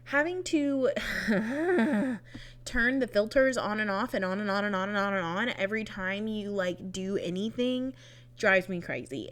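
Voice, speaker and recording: A young woman chatting casually over a voice-over, rambling and laughing often, her nose stuffed up from crying. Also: medium pitch. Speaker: Sims builder vlogger.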